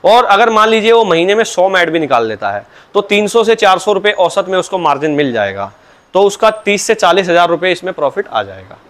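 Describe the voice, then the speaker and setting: Guy selling stuff, fairly high voice, patient salesman tone, keeps saying sir. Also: sing-song, brisk, a bit bright. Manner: patient, salesman-like, repeatedly opens with "sir, look". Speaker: cow mat dealer. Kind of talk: product explanation in an interview.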